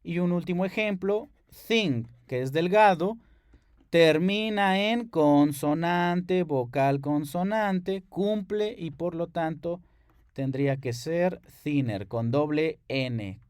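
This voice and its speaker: A man's voice: on the high side, animated, slow, darkish tone, no room sound, clean studio sound. A man teaching an English grammar lesson at a board, patient, explaining rules step by step and checking in with his students.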